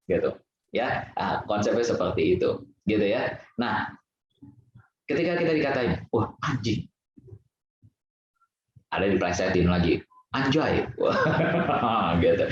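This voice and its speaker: A man giving a casual Buddhist Sunday sermon in a temple hall, chatty and conversational, often laughing at his own jokes. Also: a little high. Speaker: Buddhist Dhamma speaker. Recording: very echoey, dull lo-fi hall recording.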